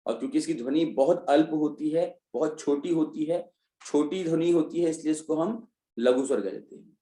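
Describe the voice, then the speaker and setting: Male teacher for an online revision class, mellow tone, talks through each point and answers his own questions, roomy sound. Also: fairly high pitch, normal speed. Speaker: Hindi teacher. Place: online class, students joining remotely.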